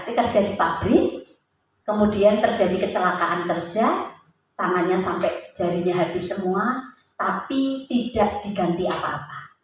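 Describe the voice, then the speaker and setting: A woman's voice: mid-range voice, far from the mic. A woman giving a testimony in a church sermon, telling her story earnestly and putting questions to the congregation. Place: church hall. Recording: very echoey hall, voice off-mic, faint hiss.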